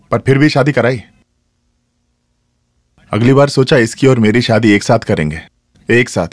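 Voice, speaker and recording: A man's voice: medium pitch, no room sound, clean studio sound, natural voice. A man voicing a departing emigrant, teasing. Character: man in his forties leaving home to work abroad. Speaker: dubbing actor. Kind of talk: Hindi film dubbing.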